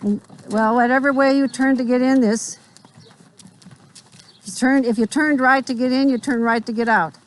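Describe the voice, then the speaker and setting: Female riding coach, higher register, directive and explanatory, speaking spontaneously outside. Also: steady tone, normal speed, pauses often, low-quality recording. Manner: directive, explanatory, checks understanding. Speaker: riding instructor. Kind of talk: spontaneous hands-on instruction. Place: outdoors at a riding arena.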